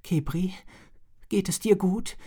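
A man's voice: expressive, moderate pace, a little mellow. A man putting on a worried young girl's voice. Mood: anxious. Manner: pleading, higher-pitched storybook voice. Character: worried young girl dragon rider.

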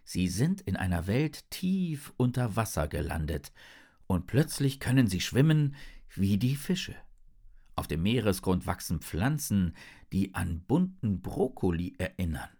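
A man reads a children's storybook aloud in a lively, playful voice. His pitch swings up and down, with a gravelly edge. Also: a little slow. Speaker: narrator.

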